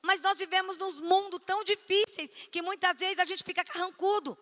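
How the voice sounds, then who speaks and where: A woman's voice: very high voice, fairly even intonation, moderate pace, a bit bright. A woman pastor preaching at a church conference, chatty and storytelling, acting out conversations. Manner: chatty, storytelling, acts out dialogue. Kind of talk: conference sermon. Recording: echoey church hall.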